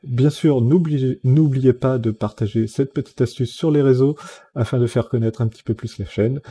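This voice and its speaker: A man narrates a software tutorial over his screen, moving through each step with frequent fillers. His voice is very dark and mellow, with a husky edge. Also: mid-range voice, normal speed. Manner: step-by-step, many fillers like "donc" and "euh".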